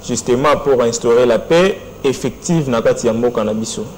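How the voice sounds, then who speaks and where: Man, Congolese accent, studio guest, earnest, mid pitch, faint noise. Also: normal speed, a little mellow, low-quality recording. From Democratic Republic of the Congo. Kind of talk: studio interview, French and Lingala. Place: TV studio set.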